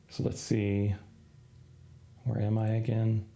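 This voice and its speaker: A man hosting a trading channel, giving a casual screen-share walkthrough in an unhurried, loose way, losing his voice and clearing his throat often. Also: low-pitched, a little mellow. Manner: unhurried, loose, full of "uh" and "you know". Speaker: crypto trading channel host.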